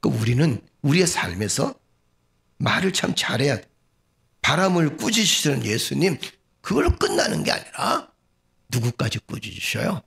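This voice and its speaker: Gravelly-voiced male pastor preaching. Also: mid-range voice, very animated, normal speed, a bit bright. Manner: asks the congregation questions, acts out quoted speech. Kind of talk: sermon.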